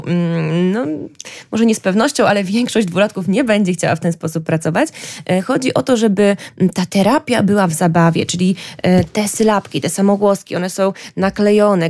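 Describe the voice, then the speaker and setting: A woman's voice: mid-range voice, darkish tone, no room sound, studio quality. A woman therapist who explains patiently in an interview, with frequent hesitations. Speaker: child hearing therapist.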